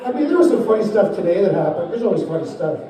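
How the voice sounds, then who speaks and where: A man's voice: high-pitched, big pitch swings, very fast, a crowd in the background. A middle-aged man doing rambling amateur stand-up storytelling at an open mic, hesitant and unrehearsed, often losing his thread. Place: echoey indoor open-mic venue. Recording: very echoey room, distant microphone, muffled.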